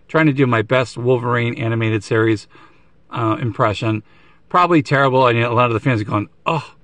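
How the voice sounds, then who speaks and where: A man's voice: mid-range voice, dry recording. A man casually reviewing action figures off the cuff, rambling with lots of fillers and self-corrections.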